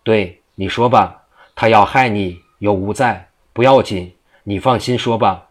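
A stern, teasing monk questions a suspect in a storybook tale, read in a man's low voice. He presses hard but keeps a mocking edge. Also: a little slow. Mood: reassuring. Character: eccentric mocking monk, middle-aged man.

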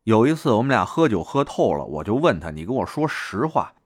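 Lively storyteller, man. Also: fairly low pitch, a little fast, no room sound, clean studio sound. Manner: lively, chatty, heavy erhua. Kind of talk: colloquial storytelling monologue.

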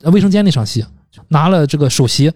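A man's voice: on the high side, lively intonation, fast, darkish tone, no echo, clean studio sound. A man hosting a casual podcast about films, talking in thoughtful, rambling runs with hesitations. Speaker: podcast host. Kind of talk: casual film discussion.

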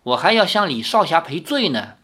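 A reader voicing an old woman, an elder who questions a young stranger sharply and then warms to him with formal, old-fashioned courtesy. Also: mid-range voice, very animated, brisk, slightly rough, full character voice. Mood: courteous. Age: older. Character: stern then kindly old woman, elder of a hidden sect.

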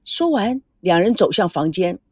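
A woman narrating a serialized novel aloud in an expressive storytelling style. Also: lowish voice, normal speed, husky, no room sound, clean studio sound.

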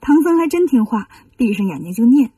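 A woman telling a children's story, reading in a gentle, lively way. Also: a little high, fairly quick, breathy edge, no room sound, far from the mic.

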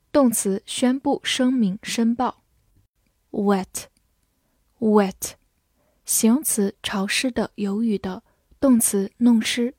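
Slow, mellow woman drilling vocabulary. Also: mid-range voice, no echo, studio quality. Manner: repeats each English word twice, then gives Chinese meanings. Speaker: English vocabulary teacher.

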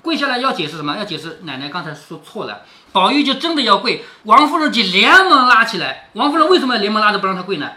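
Middle-aged dad explaining a classic story, animated and bright, keeps asking "right?". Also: male voice, high voice, quick pace. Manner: lively, keeps asking rhetorical questions. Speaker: father reading a classic novel to his daughter. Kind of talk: explanatory storytelling with quoted dialogue.

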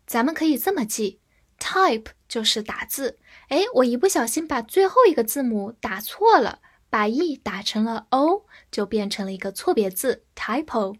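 A woman teaching English vocabulary who spells each word letter by letter and reads the example sentences slowly. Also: fairly high pitch, expressive. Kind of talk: vocabulary lesson.

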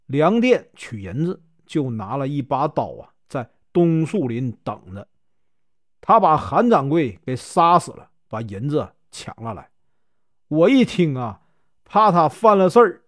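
A man's voice: on the high side, no room sound, clean studio sound. A man with a Northeastern Mandarin accent voicing a cunning middle-aged male murderer who pleads and confesses at length. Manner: pleading, confessing in a long run.

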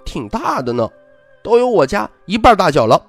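Guy putting on a high chirpy little girl, blunt and bossy, lively all over, storybook. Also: normal speed, faint music behind, heavily acted. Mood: excited. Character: naive bold little girl, self-styled heroine.

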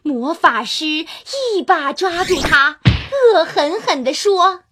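High, sing-song woman storyteller. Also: slight background noise. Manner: slow, sing-song, expressive. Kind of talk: scripted children's story narration. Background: loud children's music.

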